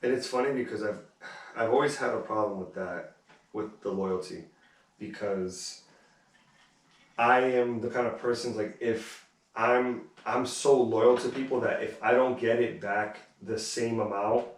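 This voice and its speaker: A fairly low-pitched man chats loosely as a podcast co-host, piling on filler words and cursing freely. His voice sits back from the mic in a very echoey room, so it sounds roomy and distant. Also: fairly even intonation, unhurried. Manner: rambling, heavy on "like" fillers, swears freely. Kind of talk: casual chat.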